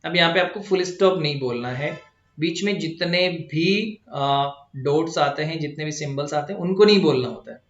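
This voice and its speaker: Male exam coach, somewhat high voice, direct and instructive; echoey room, dull lo-fi audio. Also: moderate pace, fairly bright tone. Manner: direct, instructive, addresses students plainly. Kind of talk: online exam-prep lesson.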